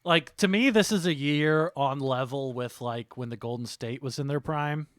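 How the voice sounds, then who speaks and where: A man's voice: medium pitch, normal speed, no room sound, studio quality. A man talking casually as a streaming game master, in a rambling, joking manner.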